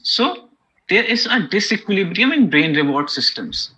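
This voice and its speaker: The speaker is a man with an Indian English accent delivering an academic lecture, explaining step by step and leaning on "okay?" and "you know." His high-pitched voice is sharp and slightly rough, very animated at a moderate pace. The recording sounds dull and lo-fi.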